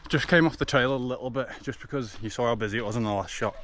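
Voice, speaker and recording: Here the young vlogger, an Englishman in his twenties, speaks quickly in a medium, slightly bright voice, panting as he jogs a forest path. He chats casually into an action camera held at arm's length, and the recording is noisy with outdoor sound.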